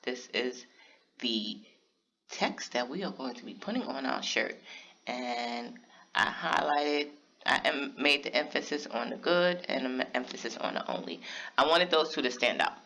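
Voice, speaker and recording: Bright-voiced man walking through a craft tutorial. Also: mid-range voice, lively intonation, unhurried, creaky, highs cut off. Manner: casual step-by-step explaining, talks to viewers directly. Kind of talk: screen-recorded software tutorial narration.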